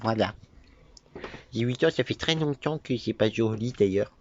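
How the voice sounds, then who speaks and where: A teenage man voicing a playful eight-year-old boy in a high, halting childish voice. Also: muffled recording, slight background noise, close to an everyday voice.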